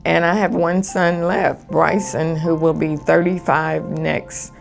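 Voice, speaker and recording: Woman in her sixties, gravelly voice, lowish pitch, direct. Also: flat delivery, slow pace, over music, rough recording. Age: 60s. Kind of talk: documentary interview.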